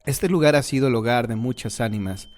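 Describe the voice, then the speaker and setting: A man narrating horror stories in a measured, scripted storytelling manner. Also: mid-range voice, a little mellow. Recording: faint music behind the voice.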